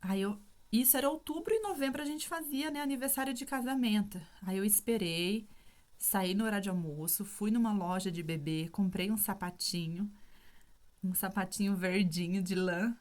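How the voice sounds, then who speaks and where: A woman's voice: medium pitch, normal speed, darkish tone. Emotional Portuguese-speaking woman telling her story. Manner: emotional, tearful at times, with many fillers. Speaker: vlogger sharing her testimony.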